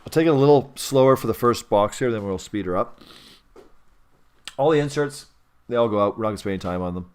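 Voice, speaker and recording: A man's voice: fairly low pitch, lively intonation, quick pace, pauses often, darkish tone, clear, resonant tone. A man hosting a live card-breaking stream, talking in a chatty, rambling way with frequent self-corrections. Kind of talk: casual live-stream chat.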